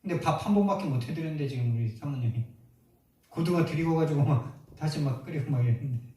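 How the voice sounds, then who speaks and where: A man's voice: a little high, fast, dark tone. Emphatic male pastor in an echoey church. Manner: emphatic, rhetorical questions to the congregation. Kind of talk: sermon. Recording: echoey hall from far off.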